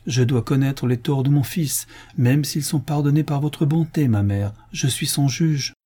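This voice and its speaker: A man reading the part of a stern, calm middle-aged father with a deep voice, speaking in a controlled way. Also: measured pace, slightly rough. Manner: calm, controlled, bitter irony.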